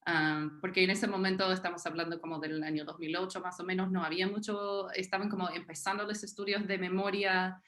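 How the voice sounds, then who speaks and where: Speaking a little fast with few pauses, this woman has a lowish voice, a flat delivery, and a bit of brightness. She is a Tennessee-born historian on a panel, American-accented and English-speaking from birth, hesitating often and full of fillers and restarts in her unscripted talk.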